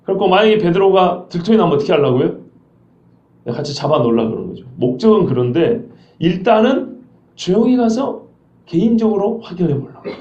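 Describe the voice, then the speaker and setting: A man's voice: high-pitched, sing-song, a little fast, darkish tone. A male pastor preaching an expository sermon, acting out scenes and quizzing his congregation. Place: church sanctuary. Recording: roomy dull church recording.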